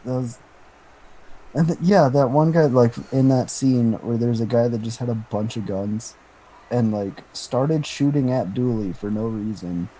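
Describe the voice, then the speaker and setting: A man's voice: medium pitch, a little slow, mellow, poor audio. A man co-hosting a podcast in casual chat, laid-back and joking with sarcastic asides. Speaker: podcast co-host.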